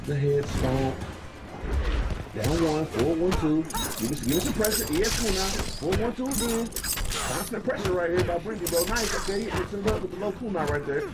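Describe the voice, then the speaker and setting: A man giving excited live fighting game commentary in a slangy, exclaiming manner. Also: high-pitched, moderate pace, very noisy. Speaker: esports tournament commentator. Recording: loud game music behind voice. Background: loud game music.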